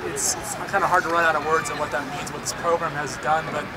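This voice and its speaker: A man hosts a postgame interview, asking conversational questions. His voice sits a little high. Loud outdoor background noise runs under him. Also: level tone, fast. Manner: conversational, chatty. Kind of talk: postgame press conference hosting. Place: outdoors at a soccer field.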